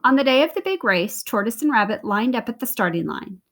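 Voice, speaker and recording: Female storybook reader, fairly high voice, very animated and expressive children's narration. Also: brisk.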